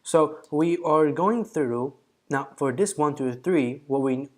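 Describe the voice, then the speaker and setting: A man's voice: a little high, takes it slowly. A man hosting a coding challenge, casually thinking aloud as he walks through a problem, counting out digits and correcting himself.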